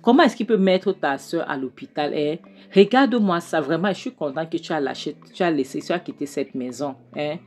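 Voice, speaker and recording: A woman giving a casual spoken recap of a film, animated and often tagging "hein?" onto her lines. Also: deep voice, fairly quick. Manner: animated, keeps adding "hein?" and re-enacts dialogue.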